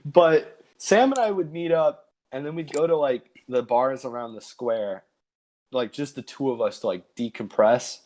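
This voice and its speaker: A man's voice: mid-range voice, moderate pace, darkish tone. A young man co-hosting a casual podcast, telling stories loosely with lots of fillers. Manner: laid-back storyteller, lots of "like". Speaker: co-host.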